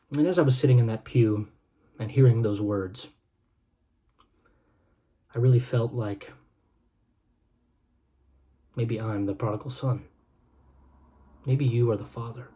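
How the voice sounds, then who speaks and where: A man hosting his own video, reading scripture and reflecting on it in an earnest, sermon-like monologue with a solemn, measured, heartfelt delivery. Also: mid-range voice, dark tone. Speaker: food review video host.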